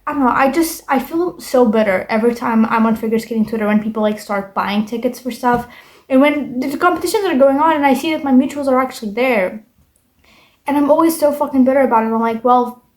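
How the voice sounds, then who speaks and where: A young woman vlogging in a casual, rambling monologue, bitter and full of swearing. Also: high voice. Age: young adult.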